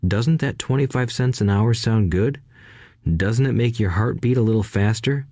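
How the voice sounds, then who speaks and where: A man's voice: medium pitch, normal speed, mellow, no room sound, studio quality, natural voice. A man voicing an older wealthy mentor who speaks in a sly, lecturing manner to two boys.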